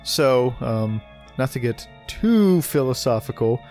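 A man's voice: medium pitch, sing-song, slow, darkish tone, faint music behind. A man hosting a casual podcast, rambling through filler words and joking at his own expense. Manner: rambling, filler-heavy, self-mocking. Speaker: podcast host.

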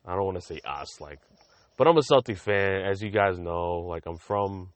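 A young man hosts a casual sports podcast, his voice sitting very low. He rambles, stacking fillers and restarting his sentences as he thinks aloud. The recording is dry and close, with no room sound. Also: normal speed, dry recording. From Massachusetts. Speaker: podcast host.

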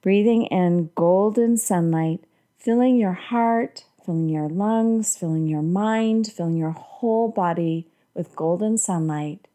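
A woman leading a guided breathing meditation in a calm, meditative, soothing tone. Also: on the low side, slow pace. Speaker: podcast host and guided meditation leader.

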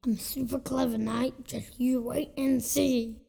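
A man voicing a boastful, sneaky big bad knight in a high, creaky voice, taunting in sing-song rhymes. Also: flat delivery, a little slow, warm tone, heavily acted. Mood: gloating.

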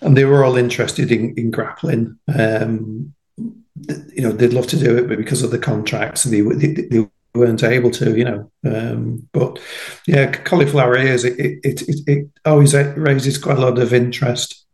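Man in his sixties, guest on a podcast, casual and halting, mid-pitched voice. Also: steady tone, a little mellow, poor audio. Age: 60s. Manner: halting, many repeated starts. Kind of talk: casual conversation.

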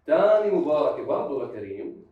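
A man's voice: on the high side, sing-song, brisk, distant mic, narrow, tinny audio. A man with a Levantine accent hosting a casual podcast chat, recorded with heavy echo. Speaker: show host. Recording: very echoey, away from the microphone.

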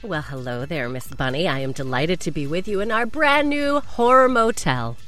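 Animated woman co-hosting a podcast. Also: sits low, normal speed, soft background music. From Canada. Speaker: podcast co-host and stand-up comedian. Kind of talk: enthusiastic podcast banter and introduction.

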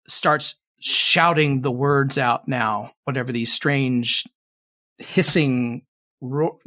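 A young man running a tabletop game as game master, narrating slowly and dramatically with playful asides. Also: a little high, fairly bright tone.

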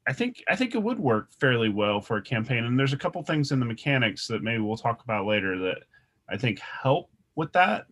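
Bright-voiced man explaining a game. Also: medium pitch, big pitch swings, fairly quick, breathy edge. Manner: explanatory, hesitant with restarts. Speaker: podcast co-host. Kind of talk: casual chat.

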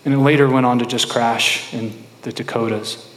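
A man's voice: medium pitch, steady tone, moderate pace, fairly bright tone. A man preaching a sermon, putting rhetorical questions to the congregation and repeating phrases for emphasis. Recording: echoey hall with long reverb.

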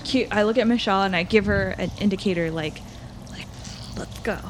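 A woman's voice: medium pitch, quick pace, background noise. A woman playing a tabletop game, talking hesitantly with many fillers and giggles. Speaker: player. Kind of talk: casual tabletop play.

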